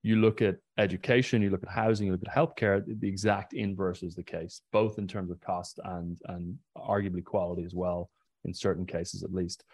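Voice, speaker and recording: Deep-voiced Irish man hosting a podcast. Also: steady tone, moderate pace, darkish tone, no echo. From Ireland. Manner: earnest, reads prepared questions, repeats words. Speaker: podcast host. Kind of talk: interview.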